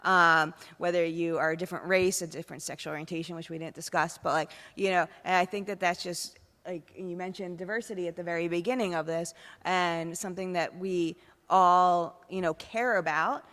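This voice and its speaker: A woman panelist with a lowish voice speaks thoughtfully and loosely, leaning on casual filler phrases. A long hall reverb trails after her words. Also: steady tone, normal speed, hardly any pauses, a bit bright. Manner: thoughtful, loose with "you know" and "kind of". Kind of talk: panel discussion remarks.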